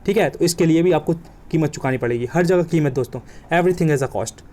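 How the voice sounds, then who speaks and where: Fast-talking vocabulary teacher, man. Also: fairly high pitch, a little mellow. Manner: colloquial, joking, emphatic with vivid examples. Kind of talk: exam coaching lesson.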